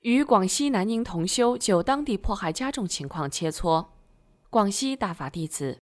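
A woman reading a prepared text aloud at a steady, even pace. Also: medium pitch, normal speed.

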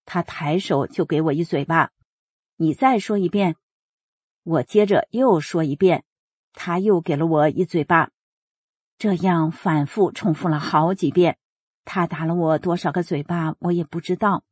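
A woman reading a first-person account aloud in an earnest, steady storytelling manner, voicing the quoted dialogue plainly. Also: lowish voice, unhurried, husky, dry recording.

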